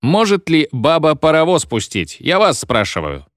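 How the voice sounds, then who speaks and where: A man voicing a pompous, bossy old professor who lectures and shouts orders at his class. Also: on the high side, wildly swooping pitch, moderate pace, no room sound, studio quality, voice pushed up. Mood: lecturing. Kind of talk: audiobook reading.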